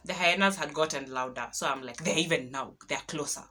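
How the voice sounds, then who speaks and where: A young Kenyan woman with a Kenyan accent, casually retelling a road trip story to camera, animated and dramatic. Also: low-pitched, brisk. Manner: animated retelling with laughs and dramatic whispered asides. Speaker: vlogger.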